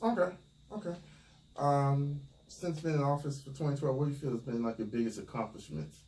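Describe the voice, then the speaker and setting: Man, interviewer, casual halting questions, average pitch, faint noise, distant mic. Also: a little mellow.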